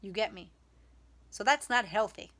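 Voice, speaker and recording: A woman whose first language is Hebrew, talking in a casual spiritual vlog and often pausing to search for words. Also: medium pitch, a bit bright. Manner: slow, searching for words, many fillers and restarts. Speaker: vlogger.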